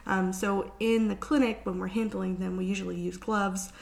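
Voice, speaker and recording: A woman talks casually to her podcast listeners as a veterinarian. She is ill and sounds drained, nearly hungover. Her medium-pitched voice moves along haltingly in a weary, informal way. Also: fairly even intonation, gravelly, darkish tone. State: sick with flu-like illness, worn out. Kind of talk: casual solo podcast talk.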